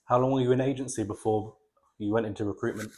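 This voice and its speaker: A male podcast host with a lowish, mellow voice. He keeps his questions brief and measured, and his tone stays flat. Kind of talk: interview questions.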